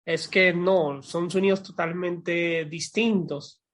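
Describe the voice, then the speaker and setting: A man's voice: high-pitched, steady tone, takes it slowly, a bit bright. A man from the Dominican Republic with a Dominican accent, chatting casually and animatedly about pronunciation, demonstrating sounds and laughing easily. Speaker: podcast co-host. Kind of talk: casual chat about language learning.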